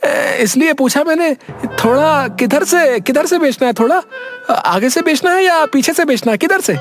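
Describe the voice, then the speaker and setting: Voice actor doing a squeaky dim village husband. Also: animated. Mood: silly, whiny. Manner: squeaky, whining, drawn-out complaints. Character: dim-witted village husband, fussy and whiny. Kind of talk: Hindi cartoon dubbing. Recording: background music under voice. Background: cartoon background music.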